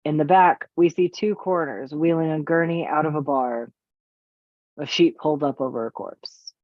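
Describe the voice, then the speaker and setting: A man reads the stage directions in an even, matter-of-fact way. His voice comes over a tinny, phone-like line. The sound is dry, with no room around it. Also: fairly high pitch, moderate pace, no echo. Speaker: narrator.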